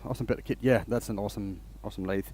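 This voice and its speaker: Male livestream host, lowish voice, loose rambling chat while working at the lathe. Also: fairly even intonation, very fast, a little mellow, slightly rough. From Denmark. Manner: rambling, restarts sentences, greets chat viewers by name. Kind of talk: casual live-stream chat while working.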